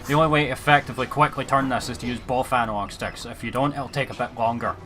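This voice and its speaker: A man casually commentating a co-op game, sarcastic and swearing, with quick asides. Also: mid-range voice, fairly even intonation. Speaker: host of a gaming channel. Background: game music.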